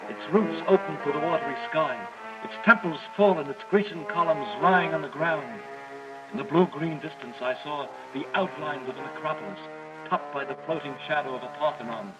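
A man's voice: fairly high pitch, normal speed, dull audio, close to an everyday voice. A man playing a learned, awestruck professor who narrates his voyage in an old radio drama, earnest, descriptive and theatrical. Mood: awed narration. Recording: old radio recording with loud music.

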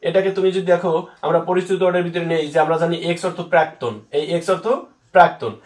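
A man's voice: on the high side, steady tone, racing, reverberant, recorded from a distance. A man teaching English spelling to students, patiently repeating words and spelling them out letter by letter.

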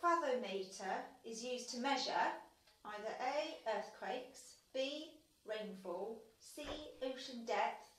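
A woman's voice: fairly high pitch, expressive, takes it slowly, fairly bright tone. A woman acting as quizmaster, casually reading out multiple-choice questions in an echoey bathroom, away from the microphone. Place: small tiled bathroom with shower. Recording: echoey, distant mic with light noise.

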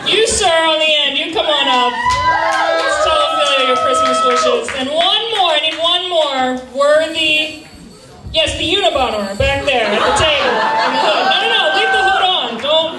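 A young woman with a high voice works a theatre crowd as a teasing, sardonic revue host. She projects through a stage microphone, heard from afar in an echoing room. The audience is very loud around her. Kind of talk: improvised comic stage banter with audience volunteers. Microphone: handheld microphone through PA, picked up from afar. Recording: echoey theatre, distant camera, loud crowd noise. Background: laughing, noisy audience.

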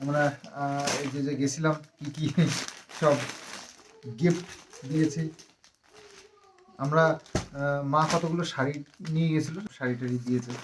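A woman's voice: low voice, fairly even intonation, normal speed, long pauses, background noise. A woman from West Bengal chatting casually to camera at home for a family vlog, rambling with lots of fillers, tired after a long ride. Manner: fond and teasing when talking to a child. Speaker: family vlogger.

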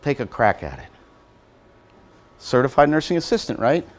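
A man giving a lively, joking motivational talk to nursing assistants, acting out quotes as he goes. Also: medium pitch, moderate pace. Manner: animated, joking, acts out quotes. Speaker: motivational speaker. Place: college hall before an audience.

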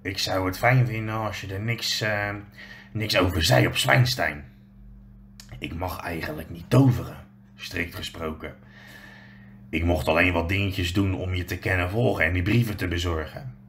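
Hagrid, gruff giant, a man doing him. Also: steady tone, normal speed, a bit bright, a little hiss or hum. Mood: rueful. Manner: low, rumbling, rough-spoken. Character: huge gruff good-natured male giant gamekeeper.

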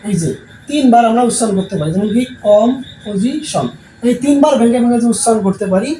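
A man's voice: extremely high pitch, racing, mellow. A male teacher, giving a classroom lesson and answering his own questions over and over. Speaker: English teacher. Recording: roomy sound with faint background noise.

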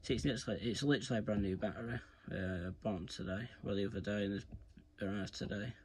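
Quick-paced and a little mellow, a low-voiced man works through a casual, hands-on tutorial, informally calling his viewers "guys." The recording, made indoors in a carpeted room, picks up clear background noise and handling clicks.

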